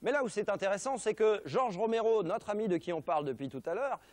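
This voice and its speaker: A man's voice: sits high, animated, fast. A man with a French accent hosting a television show, presenting film history with an ironic, mock-serious delivery and jokey asides.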